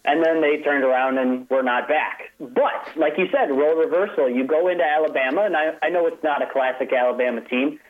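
A man's voice: a little high, a little fast, hardly any pauses. A man calling in as a sports writer guest, talking casually about college football, often restarting his phrases. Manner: chatty, restarts phrases, light laughs. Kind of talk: casual call-in analysis. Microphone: telephone. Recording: phone line.

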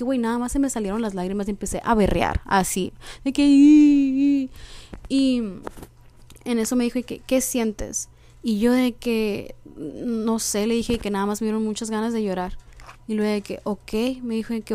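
A woman's voice: on the high side, mellow. Slangy Mexican woman telling a story. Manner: slangy, acts out quoted dialogue. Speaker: podcast host. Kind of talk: casual personal storytelling.

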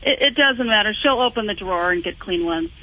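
A woman's voice: medium pitch, expressive, fairly quick. A woman phoning in to a radio show, chatting casually over a telephone line. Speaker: phone-in caller. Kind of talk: casual chat. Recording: bright tinny telephone line.

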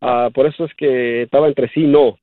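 A man calling a show, chatting informally and haltingly with some English mixed in, over a band-limited call. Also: mid-range voice, steady tone, no room sound, narrow, tinny audio. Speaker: caller, truck driver. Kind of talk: casual call-in chat.

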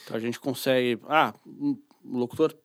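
A man's voice: mid-range voice, steady tone, normal speed, smooth. São man explaining studio work. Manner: explanatory, colloquial. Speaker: audiobook studio director. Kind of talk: casual conversation.

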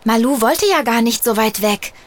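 A woman voicing a calm female companion who explains things in a children's audio play. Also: on the high side, moderate pace, close to an everyday voice.

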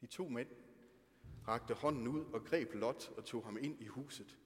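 A male preacher retells a scripture story, moving between dramatic narration and quiet, searching questions. His voice sits at an average pitch. A long reverb from a large church hangs after each phrase.

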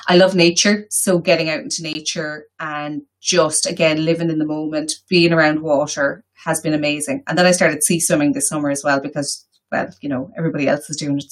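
A woman from the west of Ireland with a local accent, talking casually and chattily as an interview guest. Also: sits low. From Galway, west of Ireland. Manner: chatty, informal, colloquial.

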